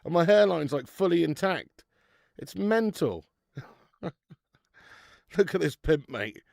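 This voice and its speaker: A man's voice: a little high, sing-song, slow pace, creaky, a little mellow, no room sound, clean studio sound. A man, hosting a football watch-along and bantering with chat, laughing and swearing freely. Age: 30s. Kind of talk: casual live-stream chat.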